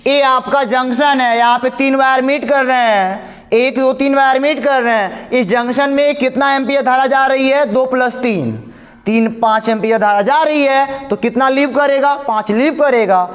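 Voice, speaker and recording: A man with a very high voice teaches a physics class in a long-ringing, reverberant room. He repeats each point over and over. He slows down sharply when he dictates definitions. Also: steady tone. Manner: repetitive, drills each point, slow dictation. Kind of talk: classroom lecture.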